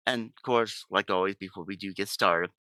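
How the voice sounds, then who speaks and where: A man's voice: sits low, moderate pace, sharp tone, no echo. A man hosting casual gaming commentary with a sick voice, rambling along and often correcting himself. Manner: rambling, with frequent self-corrections. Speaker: gaming channel host.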